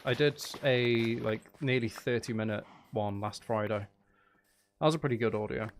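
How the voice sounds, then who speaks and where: Over a bit of background noise, this man's medium-pitched, gravelly voice carries casual livestream gameplay chat aimed at his viewers. As a streamer and audio creator, he thinks out loud, wandering, trailing off and muttering to himself.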